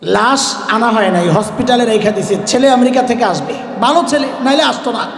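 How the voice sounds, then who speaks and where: A middle-aged man preaching a sermon in colloquial storytelling style, rising at times to shouts. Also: extremely high pitch, lively intonation, fairly quick, creaky. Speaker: mosque preacher. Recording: echoey hall with long reverb.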